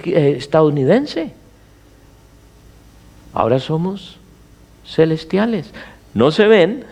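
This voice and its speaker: A middle-aged male pastor preaching in a lively way, with his pitch leaping up and down. His voice sits a bit high for a man. He keeps putting questions to his listeners. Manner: animated preaching with rhetorical questions to the congregation. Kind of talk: Spanish-language sermon.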